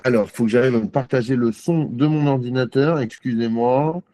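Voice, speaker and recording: A man's voice: mid-range voice, normal speed, mellow, dry recording. A man on a live video call, hesitant and self-deprecating as he struggles to share his screen. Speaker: guest journalist.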